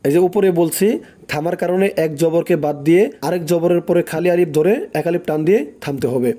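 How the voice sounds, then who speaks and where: A man's voice: fairly high pitch, fairly even intonation, fast talker, dark tone. A man teaching a recitation lesson, breaking words into syllables, drawing out the recited phrases and having listeners repeat after him.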